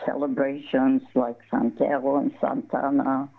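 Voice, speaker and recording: Speaking a little slowly in a bass voice with a level tone and vocal fry, an older embroidery artist from southern Colorado shares stories as a guest in a relaxed interview. She rambles, laughs a lot and restarts her words, all heard through a tinny phone line.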